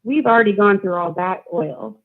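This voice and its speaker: A woman's voice: medium pitch, normal speed. A woman calling in to a live stream for a casual political discussion, rambling and searching for words, on narrow call audio.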